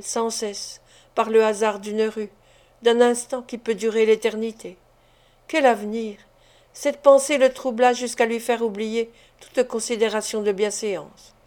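A woman narrating a classic literary story in a measured, expressive reading. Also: a little high. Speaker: audiobook narrator.

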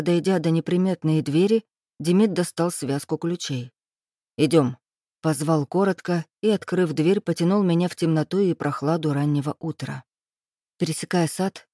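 Woman reader, first-person audiobook narration, even and measured, dry close mic. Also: low voice, dry recording.

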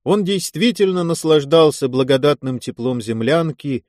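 A man's voice: fairly high pitch, moderate pace, darkish tone, no room sound. Man reading an audiobook, dry sound. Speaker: audiobook reader. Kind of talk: audiobook narration.

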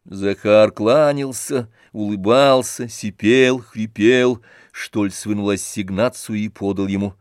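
A man narrating a classic novel in a measured, calm storytelling manner. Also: fairly low pitch, clear, resonant tone, no room sound, studio quality. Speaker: audiobook narrator. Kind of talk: scripted literary narration.

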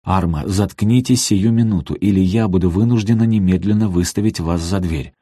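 A man's voice: deep voice, moderate pace, dark tone, slightly rough, dry recording, studio quality. A man reading an audiobook, voicing a frightened wealthy wife who pleads desperately. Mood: defensive.

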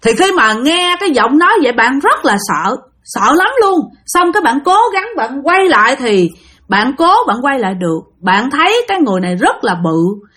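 Brief: Southern Vietnamese woman, chatty storytelling host, talks straight to listeners, fairly high voice. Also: sing-song, moderate pace, bright, forceful tone. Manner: chatty, addresses listeners directly. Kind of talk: casual storytelling narration.

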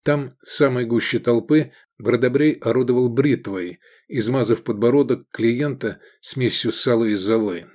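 An audiobook is narrated from a script by a man whose mid-range voice reads with measured expression.

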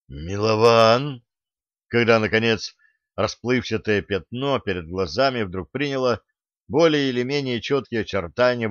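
A man narrating an audiobook in an even storytelling manner. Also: lowish voice, no echo, muffled recording. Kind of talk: scripted narration.

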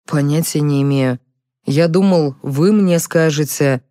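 A woman reads a self-justifying, guilt-ridden male psychologist; low, slow, mumbling. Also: mellow, no room sound, clean studio sound. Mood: defensive. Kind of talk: audiobook character reading.

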